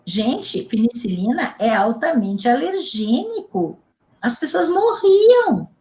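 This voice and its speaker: A woman's voice: a little high, slow. A middle-aged woman from Brazil, an integrative therapist telling stories emphatically in a casual interview. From Rio Grande do Sul, Brazil. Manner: animated, emphatic storytelling with repetitions.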